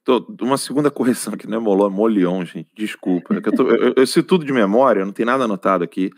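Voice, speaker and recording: A Brazilian man with a low voice hosts a live-stream show, talking emphatically and urging his viewers on. He often stops to correct himself. The sound is dry and close. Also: very fast, no room sound. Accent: Brazilian Portuguese. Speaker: host.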